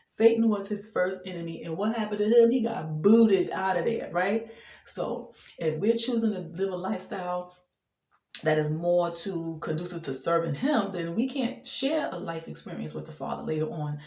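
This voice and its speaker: Heard in a reverberant space, the woman speaks in a low-leaning, mellow tone. Her heartfelt testimony of faith comes across as emphatic and sincere but relaxed, punctuated by frequent laughs.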